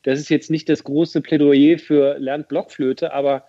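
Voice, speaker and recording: A man in his thirties, a podcast guest chatting casually in a lively, talkative way with many restarts and fillers. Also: on the high side, measured pace, no echo, highs cut off. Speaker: guest, event presenter.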